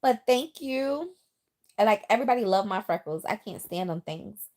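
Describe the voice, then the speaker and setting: Medium in pitch and normal in speed, the voice belongs to a middle-aged Bronx-born woman now living in the South. A Southern twang has crept into her New York accent. Speaking into a phone on a livestream, she's chatty and lively, talks straight to viewers, and reads their comments aloud.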